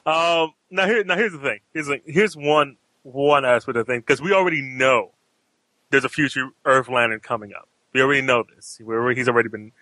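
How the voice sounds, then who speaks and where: A man with a bright, forceful voice hosts a casual comics podcast. He rambles with restarts and throws questions to the panel. The sound is dry and close to the mic. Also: mid-range voice, fairly quick, no echo, low-quality recording. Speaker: podcast host. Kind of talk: casual chat.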